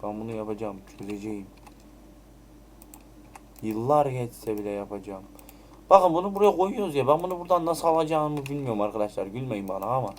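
A man's voice: mid-range voice, animated, brisk, pauses often, a little mellow, slight background noise. A man giving casual, chatty commentary while playing Minecraft, swearing now and then and muttering item names over and over as he crafts. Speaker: Minecraft let's play creator.

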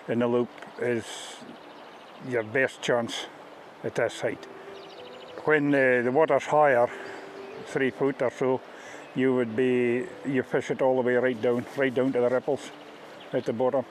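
On a riverbank, a Scottish ghillie describes his fishing beat in an informal, interview-style explanation, speaking in a halting, plain-spoken way. His voice is mid-range, the audio is poor, and outdoor noise runs behind him.

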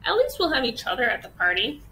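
A woman's voice: sits high, huge pitch swings, fast talker, sharp tone, a little hiss or hum, exaggerated voice, low-quality recording. A woman voicing a cheerful little girl witch in a storybook read-aloud, chirpy and friendly.

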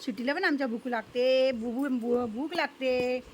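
A woman with a high voice chats to her cat and dog in cooing baby talk as she feeds them at home. She swings between gentle coaxing and sharp little scoldings. A faint hiss of noise sits behind her. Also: moderate pace. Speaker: vlogger feeding her pets. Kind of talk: casual home vlog.

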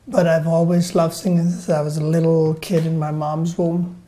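Mellow-voiced Guyanese-born male singer. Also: on the high side, moderate pace. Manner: relaxed storytelling, fillers between names. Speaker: singer, interview guest. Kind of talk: casual interview talk. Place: indoor TV studio set.

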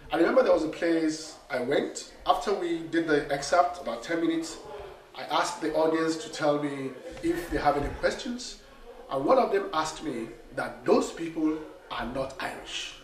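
Nasal from a cold, this playwright-director in his forties describes his play directly to the camera at a moderate pace, his voice a little high. He gestures and tells the story with energy on a small theatre stage. Recorded by a camera mic a few metres away, he sounds off-mic in an echoey room.

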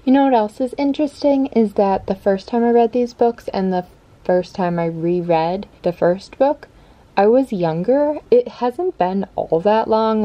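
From her bedroom indoors, a young adult American woman talks casually to camera as a book vlogger, informal and reflective. She has a medium-pitched voice on dull audio, with clear ambient room noise in the recording.

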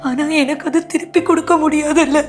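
A woman's voice: high voice, steady tone, fast, faint music behind, close to an everyday voice. A woman playing a tearful young woman with a Tamil accent. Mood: upset. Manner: mixes Tamil into Malayalam. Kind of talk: sitcom acting.

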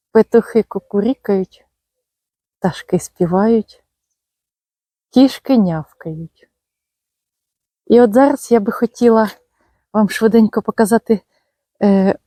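A woman's voice: medium pitch, warm tone, dry recording. A woman hosting a gardening channel, chatting fondly and casually outdoors in her garden, full of tender diminutives. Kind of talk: casual garden walk-and-talk.

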